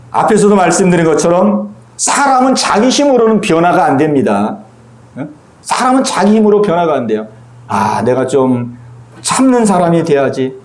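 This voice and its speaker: A man's voice: sits high, a little mellow. A male pastor preaching a sermon to his congregation. He talks earnestly, repeats his key phrases and acts out his own inner voice. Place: church sanctuary. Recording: echoey church room.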